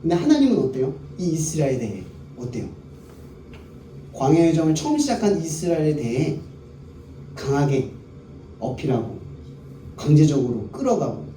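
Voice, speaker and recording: A male pastor with a fairly high, mellow voice delivers a sermon at a youth service in a worship hall. To keep listeners engaged, he raises questions and answers them on his own. The microphone catches him from a distance in an echoey room, with faint background noise.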